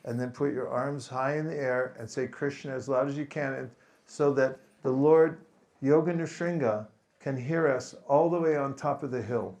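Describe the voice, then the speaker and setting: A man giving a spiritual talk to a gathering, speaking slowly and deliberately and pausing for his translator. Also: mid-range voice, steady tone, a little mellow. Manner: slow, deliberate, leads group chanting. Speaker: visiting speaker.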